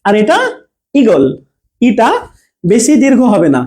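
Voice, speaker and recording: Mellow-voiced male teacher asking his class questions. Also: very high voice, lively intonation, a little fast. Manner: explains patiently, asks the class questions and answers them. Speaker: Bangla teacher. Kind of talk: online class lesson reading viewer comments.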